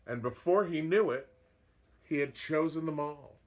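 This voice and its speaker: A man reading a picture book aloud as a storyteller, dramatic and expressive, with asides to listeners. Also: fairly high pitch, normal speed.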